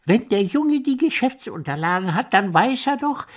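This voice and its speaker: High, swooping, doting gangster's admirer. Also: female voice, expressive, moderate pace. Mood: proud, explaining. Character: doting, excitable woman, proud of her gangster boy. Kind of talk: German radio crime comedy acting.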